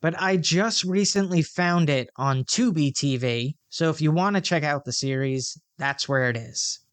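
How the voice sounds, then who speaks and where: A man hosting a movie podcast, reading a prepared review in a steady scripted way. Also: on the high side, measured pace, clean tone, dry recording. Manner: reads a prepared review, then flubs and laughs at blooper takes. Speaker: podcast host. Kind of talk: scripted podcast monologue with outtakes.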